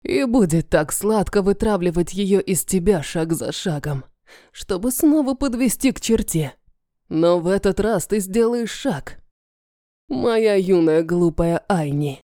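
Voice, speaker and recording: A woman voicing a cruel, mocking ancient male dragon lord who talks slowly and menacingly. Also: medium pitch, expressive, warm tone, no echo, studio quality, lightly acted. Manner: slow, sneering, menacing.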